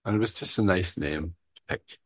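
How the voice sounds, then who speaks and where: This Irish man, whose low voice has a fairly bright tone and a breathy edge, talks at a normal pace about founding a recovery meeting. He rambles openly, says "you know" a lot, and swears casually; there's no room sound.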